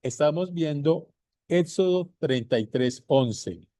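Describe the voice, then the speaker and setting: Male Bible teacher, unhurried and repetitive, dark mellow tone, dry close sound. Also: fairly high pitch, animated, dry recording. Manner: repeats points slowly, addresses viewers directly. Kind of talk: slow deliberate bible teaching.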